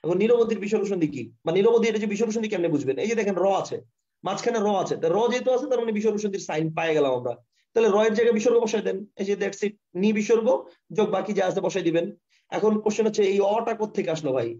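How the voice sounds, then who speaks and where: Bangladeshi guy teaching grammar online, super fast, mellow voice, keeps asking if it's clear, dull mic. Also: high voice, animated. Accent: Bangladeshi Bengali. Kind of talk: live online lesson with screen share. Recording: dull, lo-fi online class audio.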